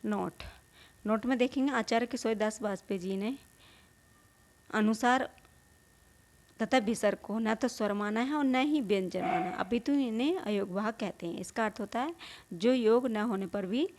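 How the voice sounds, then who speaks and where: A woman's voice: on the high side, moderate pace, long pauses, a little mellow. Woman, teacher, grammar lesson, patient explaining, rhetorical questions, sounds out vowels. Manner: demonstrates vowel sounds aloud.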